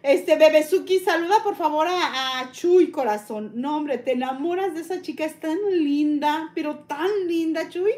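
A woman's voice: high voice, normal speed, few pauses, a little mellow. An older woman, chatty and affectionate, reading viewer comments aloud on a live stream. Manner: affectionate, chatty, talks sweetly to pets and viewers.

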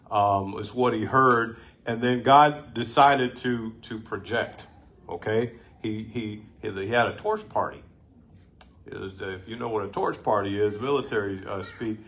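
Lively middle-aged man teaching a Bible lesson. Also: fairly low pitch. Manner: conversational, with restarts, lively emphasis and laughs. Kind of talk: Bible lesson to a live group.

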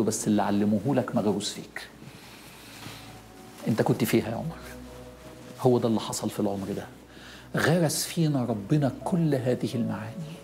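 A man's voice: mid-range voice, vocal fry, mellow. A middle-aged man with an Egyptian Arabic accent, preaching a sermon in an emphatic way, repeating key phrases and speaking straight to the listener.

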